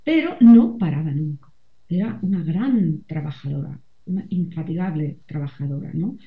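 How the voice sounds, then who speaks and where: A middle-aged woman, a columnist and mother, reflects aloud in a conversational interview, often tacking on tag questions. Her low voice is expressive and moves at a moderate pace, and the recording sounds roomy and slightly dull.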